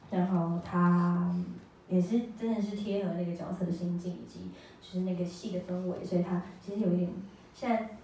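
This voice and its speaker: A woman's voice: lowish voice, fairly even intonation, a little fast, warm tone. A young woman and singer-songwriter chatting casually between songs at a live gig in a small cafe, self-teasing and laughing between phrases. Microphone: vocal mic on a stand, heard from the room. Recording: very echoey, from far off, faint noise.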